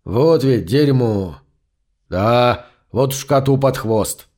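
A man voicing a huge, blustering fat man with a deep, booming voice in an audiobook. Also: animated, slow, darkish tone. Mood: grumbling. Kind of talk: audiobook narration.

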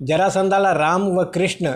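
A man reading a prose rendering of a sacred story in steady, measured narration. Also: high voice. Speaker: reader of scripture.

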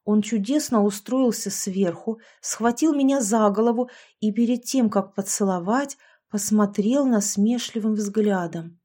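A woman reading a story aloud, narrating and voicing the dialogue of several characters in a lively way. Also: medium pitch, a little slow, hardly any pauses. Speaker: audiobook narrator. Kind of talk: scripted narration with acted dialogue.

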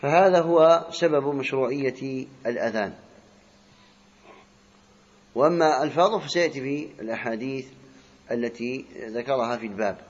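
A man's voice: mid-range voice, moderate pace, pauses often. Guy teaching a religious text to a class, asks questions then answers them, sounds words out, kinda muffled recording. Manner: demonstrates right and wrong pronunciation aloud. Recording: slightly dull lo-fi recording.

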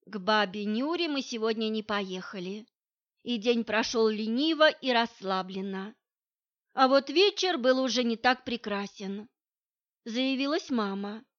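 A woman's voice: a little high, measured pace. A woman narrating a first-person novel, a little weary and resigned. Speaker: audiobook narrator. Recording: dull lo-fi recording.

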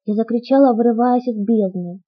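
A woman's voice: on the high side, fairly quick, husky, dry recording, lo-fi sound. A woman narrating an audiobook in a dramatic first-person storytelling manner.

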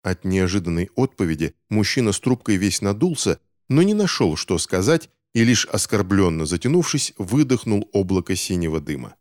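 A man reading a novel aloud in measured scripted narration. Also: sits low, very animated, darkish tone, no room sound, studio quality. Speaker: audiobook narrator.

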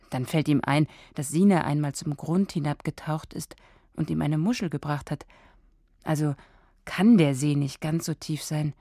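A woman narrating a scripted radio drama for children in a calm, measured storytelling manner. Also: low voice, husky, dry recording, clean studio sound.

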